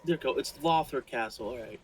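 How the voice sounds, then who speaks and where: A man chatting casually while playing a video game with a friend, rambling and animated, with lots of fillers. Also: medium pitch, fairly quick, slight background noise, poor audio. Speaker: gaming co-host.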